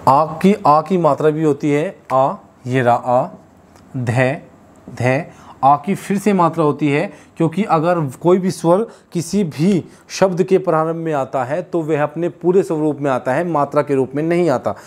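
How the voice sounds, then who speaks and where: Man teaching a slow, repetitive class. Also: on the high side. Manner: explains step by step, repeats key terms, stops to correct himself. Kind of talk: classroom lesson.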